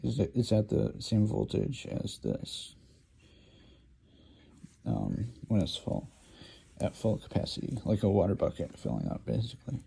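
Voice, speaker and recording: Gravelly, hesitant man giving a lecture. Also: on the low side, sing-song, a little slow, mellow. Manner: hesitant, many ums and restarts. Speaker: lecture host. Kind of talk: rambling informal lecture while drawing.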